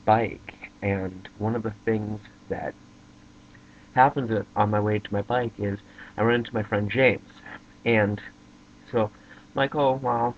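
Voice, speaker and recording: A man's voice: on the low side, slight background noise. Young man telling a story to a camera. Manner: animated storyteller, squeals when excited. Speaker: vlogger. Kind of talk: casual storytelling vlog. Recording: dull lo-fi webcam audio.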